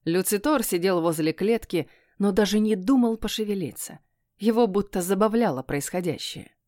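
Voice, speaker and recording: A woman narrating a first-person fantasy audiobook in a hushed, tense storytelling manner. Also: mid-range voice, lively intonation, moderate pace, dry recording, clean studio sound.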